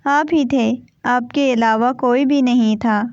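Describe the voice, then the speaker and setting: A frightened, tearful young wife, as a woman reader puts her on, with a high voice. The sound is dry and somewhat dull. It is read like a storybook. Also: fairly even intonation, darkish tone, no room sound, close to an everyday voice.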